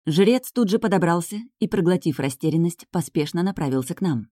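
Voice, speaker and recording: A woman narrating a first-person audiobook with expressive character reading. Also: lowish voice, a little fast, dry recording, studio quality.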